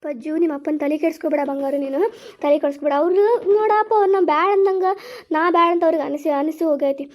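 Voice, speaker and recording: A woman playing a caring village mother who consoles her children, speaking North Karnataka Kannada in a soft, coaxing way. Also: sits high, quick pace, highs cut off, close to an everyday voice. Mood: consoling. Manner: soothing, coaxing. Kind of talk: family drama acting.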